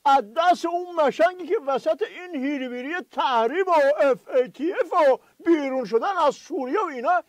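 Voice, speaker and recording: Man, very high voice, exasperated ranting questioner, dry close sound. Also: expressive, few pauses, no room sound. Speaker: interviewer in comedy sketch. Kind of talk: political satire radio sketch.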